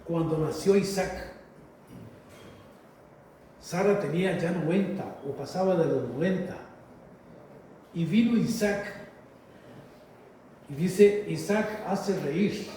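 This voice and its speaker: A man preaching a sermon in a slow, emphatic way, repeating phrases and calling listeners brothers, with a heavy cathedral-like echo. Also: high-pitched, warm tone. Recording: very echoey hall, voice from far off, faint noise.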